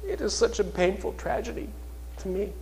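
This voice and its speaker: A man preaching a sermon, moving from hushed, soft storytelling to loud, rising proclamation. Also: sits high, normal speed, slight background noise. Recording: long reverb of a large hall.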